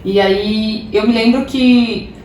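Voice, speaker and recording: A young adult woman shares a personal story as a podcast guest, chatty and self-mocking, often breaking into laughter. Her voice sits a little high. The mic picks her up from a distance in a strongly echoing room with a faint hiss. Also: steady tone, slow pace, a little mellow. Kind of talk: casual testimony storytelling.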